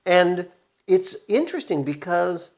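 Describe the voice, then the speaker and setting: A man's voice: sits high, animated, measured pace. A middle-aged man chatting and reminiscing casually as a show's co-host.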